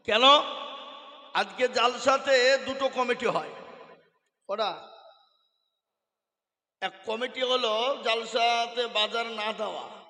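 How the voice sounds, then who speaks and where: High, bright-voiced preacher in ringing reverb. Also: male voice, takes it slowly, pauses often. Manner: exhorting, keeps prodding the crowd to answer. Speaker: Islamic preacher. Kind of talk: sermon to a gathering, with chanted verses. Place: outdoor religious gathering over loudspeakers. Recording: echoey hall-like reverb.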